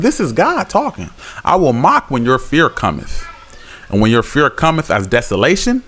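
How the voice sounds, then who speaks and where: Male street preacher, mid-range voice, alternates measured scripture reading with heated, blunt calls to the listener. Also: mid-range voice, fairly bright tone. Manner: slow measured reading, then fired-up exhortation; blunt, scolding, slangy. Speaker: street Bible teacher.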